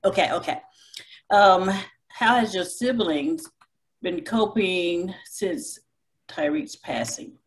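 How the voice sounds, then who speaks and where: A woman reading out an audience question in a halting way, during a casual Q&A. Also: fairly low pitch.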